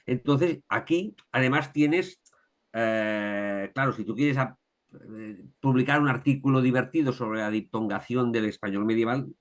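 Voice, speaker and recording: A man's voice: medium pitch, measured pace. A man with a Catalan accent, an author talking through his research in a casual interview, thoughtful and full of restarts and tag questions. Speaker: author, guest.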